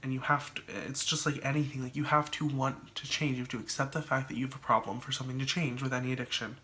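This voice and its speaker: A man's voice: medium pitch, little pitch movement, quick pace, pushed and bright. A man vlogging casually to camera with a congested, stuffed-up voice, thinking aloud with lots of likes and ums. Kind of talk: casual solo talk to camera.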